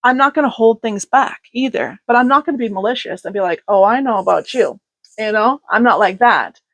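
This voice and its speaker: A woman's voice: on the high side, fairly quick, fairly bright tone, no echo. A woman co-hosting a podcast, telling candid personal stories in a blunt way and often laughing as she talks. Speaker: podcast co-host. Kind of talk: candid conversational storytelling.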